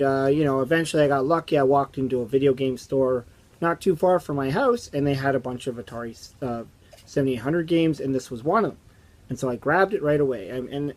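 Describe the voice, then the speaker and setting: A man around his thirties or forties with a strained, hoarse and raspy voice, chatting in a rambling, conversational way as host of a retro gaming channel. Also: medium pitch, a little mellow. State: hoarse from strained vocal cords. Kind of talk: casual chat to camera. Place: indoors, small basement game room.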